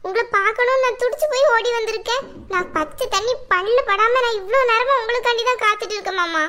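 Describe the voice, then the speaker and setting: A woman voicing a scheming, sharp-tongued older female relative who whines and accuses the family. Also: very high voice, fast. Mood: whiny, accusing. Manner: whiny and accusing, melodramatic.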